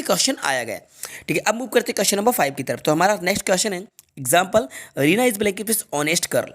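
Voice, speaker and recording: An Indian man teaching an English grammar lesson for exam preparation, explaining step by step and reading each example sentence slowly, often twice. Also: high voice, a bit bright.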